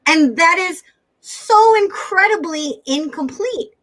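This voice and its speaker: Her pitch is extremely high and her delivery animated yet slow, with noise in the background. She is a sales coach being interviewed, stressing points hard and stringing words together into lists in lively conversation.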